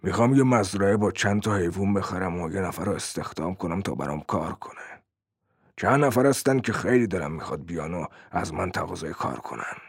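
A man voicing a rough, blunt male thief in an audiobook, gruff and plain-spoken, with a husky voice. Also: sits low, expressive, no echo, clean studio sound, pitched below the performer's own voice, exaggerated voice.

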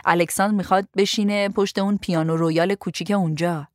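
A woman's voice: medium pitch, fairly even intonation, no room sound, clean studio sound, natural voice. A woman reading a sociable young woman's lines in a light, inviting tone.

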